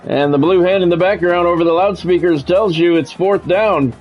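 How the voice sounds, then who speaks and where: This American gaming streamer, once a radio sports play-by-play man, has a high-pitched voice at normal speed. He calls the football plays of his own game and chats casually, with dull audio and soft music behind.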